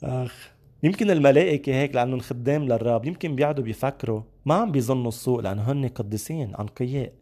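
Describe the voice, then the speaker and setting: A man's voice: mid-range voice, rapid-fire, dark tone. A man with a Lebanese Arabic accent preaching a sermon in a conversational, storytelling way, mixing quoted scripture with everyday talk.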